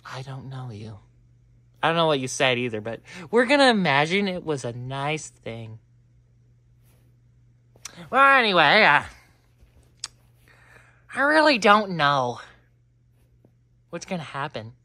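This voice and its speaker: A woman delivering a rambling comedic monologue. She keeps interrupting herself and swings between muttering and loud outbursts. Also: low-pitched, sing-song, unhurried, long pauses, dry recording.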